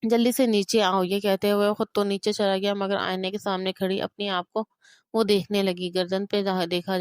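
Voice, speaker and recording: A woman reading a romance novel aloud in steady, emotive scripted narration. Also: mid-range voice, smooth, no echo, clean studio sound.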